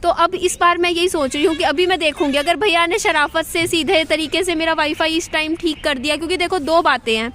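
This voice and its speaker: High-voiced woman venting casually. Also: a little fast, hardly any pauses, a bit bright, a little hiss or hum. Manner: chatty, venting, repeats herself. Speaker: vlogger. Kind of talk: casual vlog monologue. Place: at home.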